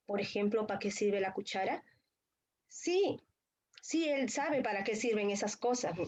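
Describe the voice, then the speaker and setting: A woman's voice: a little high, darkish tone. A female student acting out a speech therapy consultation, hesitant with many fillers, over a video call. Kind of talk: clinical role-play practice.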